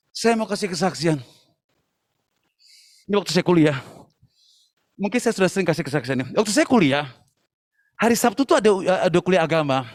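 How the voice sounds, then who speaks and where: A man preaching a passionate sermon to young people at an online church service, at times shouting and dropping English phrases into his talk. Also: on the high side. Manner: addresses listeners as brothers and sisters.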